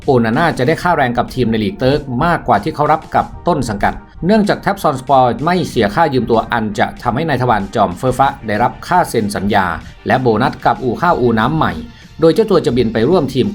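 A man narrating football news in a steady, scripted read-aloud delivery. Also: mid-range voice. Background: faint background music.

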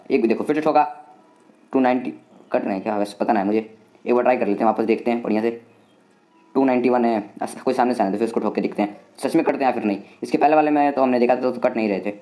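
A man with an Indian accent giving excitable, chatty commentary while playing a driving game, talking to the game and to viewers. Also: mid-range voice. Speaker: gaming channel host.

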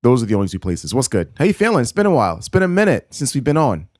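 A man's voice: mid-range voice, big pitch swings, rapid-fire, darkish tone, dry recording, studio quality. A man, co-hosting a casual podcast chat in a laid-back, conversational way. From New York, Queens. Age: 30s. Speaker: podcast co-host.

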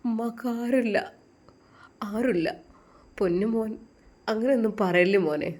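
A woman's voice: mid-range voice, moderate pace, a little mellow, natural voice. A woman voicing a worried, loving old mother who speaks tenderly and anxiously in a storybook tale.

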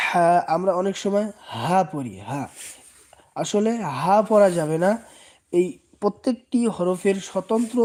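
Patiently repeating every letter and stretching out its sounds, a man with a Bangladeshi Bengali accent teaches Quran reading in a slow, stepwise recitation lesson. His voice sits high with a darkish tone.

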